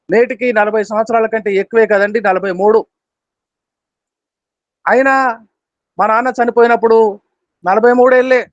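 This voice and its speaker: A man's voice: extremely high pitch, no room sound. A man in his fifties preaching an Easter sermon, emphatic and repetitive, with rhythmic lists and short English phrases. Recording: dull, dry lo-fi recording.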